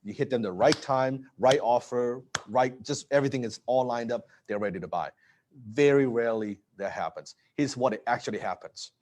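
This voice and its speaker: Energetic man, keeps asking "right?". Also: medium pitch, normal speed, a little hiss or hum. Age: 30s. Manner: energetic, repeats words and asks "right?". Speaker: presenter. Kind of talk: live-streamed business talk.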